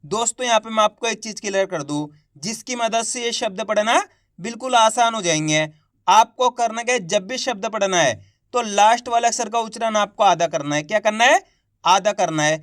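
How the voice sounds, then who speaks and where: A man teaching beginners to read Hindi, spelling out syllables slowly and patiently and having the viewer repeat after him. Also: high-pitched, fairly bright tone, no echo, clean studio sound.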